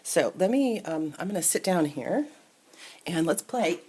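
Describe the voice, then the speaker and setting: A middle-aged woman, an entertainment reporter, chatting casually as she shows off an old toy set, musing aloud with fillers and soft asides. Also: on the low side, animated, unhurried, a little hiss or hum. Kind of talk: casual show-and-tell toy review. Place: indoors at a table with the toys. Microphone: camera mic close by.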